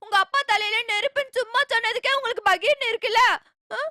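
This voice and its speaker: An actress playing a dramatic young wife who wails and complains melodramatically in a TV serial. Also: female voice, extremely high pitch, fast, no echo, studio quality. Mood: wailing. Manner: melodramatic, wailing comic complaints. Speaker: daughter-in-law. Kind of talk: TV serial acting. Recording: TV serial soundtrack with loud music.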